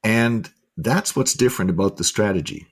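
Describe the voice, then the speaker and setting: A man hosts a podcast and explains a point at length in a low voice. His tone is husky, and he often restarts and repeats words as he goes. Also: animated, normal speed. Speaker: podcast host.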